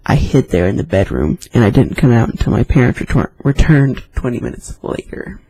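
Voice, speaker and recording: A man's voice: mid-range voice, big pitch swings, a little fast, vocal fry, mellow, husky, no echo. A man casually reading scary stories aloud, with chatty, rambling asides between them. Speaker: YouTube storyteller.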